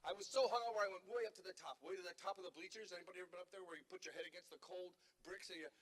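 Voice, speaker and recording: Male stand-up comic in his fifties, high voice, rambling storyteller who keeps restarting his sentences on a theater stage. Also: fairly even intonation, racing, a bit bright. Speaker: stand-up comedian. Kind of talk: stand-up comedy routine.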